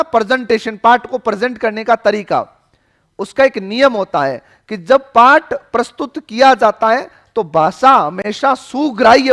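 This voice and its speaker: A man's voice: very high-pitched, a bit bright. A male teacher giving a lecture, questioning the class again and again and teasing them with jokes. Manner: joking, questioning.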